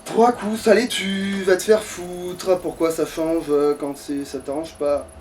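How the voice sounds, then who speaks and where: A gaming streamer thinks aloud through let's play commentary in a grumbling, foul-mouthed way. His voice sits high with a level tone, a little slow and a little mellow, picked up by a distant mic with background noise.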